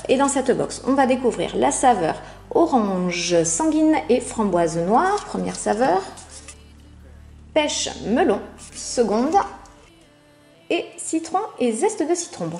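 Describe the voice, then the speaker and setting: A woman's voice: a little high, mellow. A woman casually reviewing products from a subscription box, chatting with many hesitant fillers. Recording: roomy echo.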